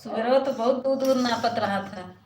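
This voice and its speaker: A woman's voice: a little high, normal speed. A woman with an Awadhi accent hosting a casual live stream, chatting and teasing viewers. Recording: echoey room with loud background noise.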